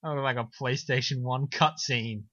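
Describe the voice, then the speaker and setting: A young man casually recapping a film on a podcast, sarcastic and animated, slipping into silly voices. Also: mid-range voice, normal speed. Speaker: podcast co-host. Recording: dull lo-fi dry recording.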